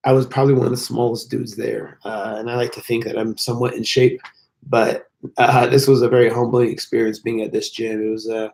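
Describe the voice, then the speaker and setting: An American man chatting casually on a livestream in a hotel room, his voice hoarse, strained, breaking and mostly lost from sickness. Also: mid-range voice, level tone, brisk, a little mellow. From United States. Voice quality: hoarse, gravelly. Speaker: fitness YouTuber hosting a livestream.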